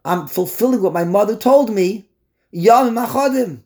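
A man voicing an elderly biblical patriarch who pleads earnestly, with halting repetitions, as part of a lecture. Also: high voice, a little mellow, pitched above the performer's own voice.

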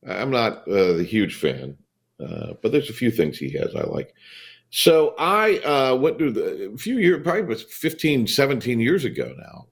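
A man's voice: medium pitch, huge pitch swings, normal speed, vocal fry. An American man hosting a sports radio show in a casual, chatty, blunt and teasing way. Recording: studio broadcast, faint music behind. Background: music.

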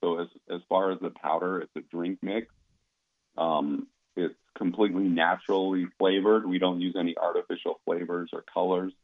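A man's voice: deep voice, flat delivery, normal speed. A man in his fifties, a company founder, explaining his products in a casual, easygoing interview with frequent restarts. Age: 50s. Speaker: company founder talking about supplements. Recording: tinny phone-like line.

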